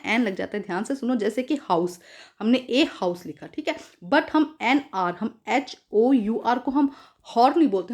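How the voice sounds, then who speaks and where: Woman teacher, slightly high-pitched, patient, repetitive classroom explainer. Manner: patient, repeats points and asks rhetorical questions; calls listeners "beta". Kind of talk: Hindi-English grammar lesson for schoolchildren.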